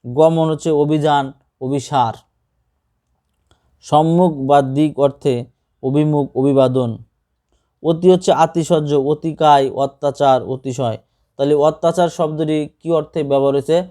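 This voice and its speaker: A man's voice: fairly high pitch, fairly even intonation, measured pace, long pauses, mellow. A man teaching an exam-prep grammar lesson, reading out word lists and asking and answering his own questions.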